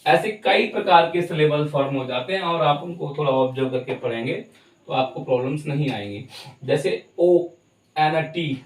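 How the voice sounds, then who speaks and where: A man teaching English pronunciation, spelling words out letter by letter and then saying them slowly, with an Indian English accent. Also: on the high side. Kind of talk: explaining lesson. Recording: echoey room, far from the mic.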